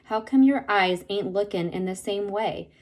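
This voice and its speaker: A woman's voice: mid-range voice, normal speed, lightly acted. Woman voicing a chatty Arkansas country boy. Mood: eager. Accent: Southern US. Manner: chatty, folksy drawl.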